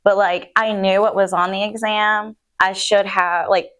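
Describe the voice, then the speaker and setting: A woman's voice: mid-range voice, flat delivery, unhurried, fairly bright tone. Young woman chatting in an interview, lots of um and like, normal mid voice. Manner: chatty, many ums and likes, laughs often. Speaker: interviewee, water quality chemist. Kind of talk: casual recorded interview.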